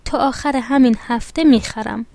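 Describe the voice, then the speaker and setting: A woman's voice: on the high side, gravelly, mellow, no room sound. Woman voicing a kind storybook mother, patient and soothing, dry voice. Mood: reassuring. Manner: soothing, reassuring. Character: kind middle-aged mother, gentle and patient.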